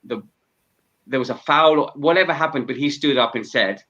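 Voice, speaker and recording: A man's voice: mid-range voice, normal speed, sharp tone. A man who heads a football club, speaking as a podcast guest and sharing earnest anecdotes. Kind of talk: casual podcast conversation. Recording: dull lo-fi audio.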